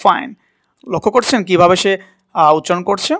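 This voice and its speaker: A man's voice: high-pitched, a little fast, fairly bright tone. Guy teaching english pronunciation, keeps asking and repeating words. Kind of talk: classroom lesson in Bengali with English words.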